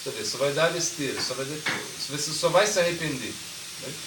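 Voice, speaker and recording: This man speaks fast in a voice on the high side, taking the role of a swami for a casual spiritual talk where he questions listeners and performs different voices. The recording is noisy, echoey, and made with a distant mic.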